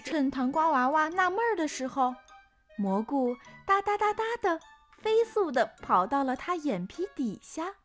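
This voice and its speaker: A woman narrates a children's cartoon story. Her voice is high-pitched, and music plays behind her. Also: big pitch swings, moderate pace, fairly bright tone.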